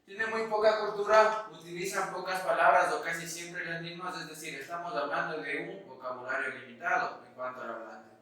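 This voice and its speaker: A man from the Ecuadorian highlands with a highland accent, teaching a class and checking understanding with frequent "¿sí?". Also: steady tone, moderate pace, hardly any pauses, sharp tone. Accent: Ecuadorian highland Spanish. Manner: explains step by step, often checking with "¿sí?". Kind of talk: recorded class lecture. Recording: echoey room, voice from a distance.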